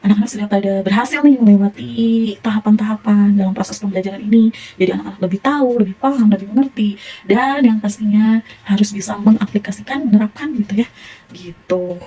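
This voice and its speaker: A woman's voice: mid-range voice, fast, dark tone, breathy edge, rough recording. A young woman with a Sundanese accent teaching a primary school class, encouraging and praising pupils often. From Indonesia. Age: young adult.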